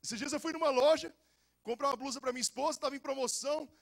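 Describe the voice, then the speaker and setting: High-voiced joking Goiás preacher man. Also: fast, vocal fry. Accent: Goiás Brazilian Portuguese. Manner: animated and joking, with casual slang. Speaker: pastor. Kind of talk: lively storytelling sermon.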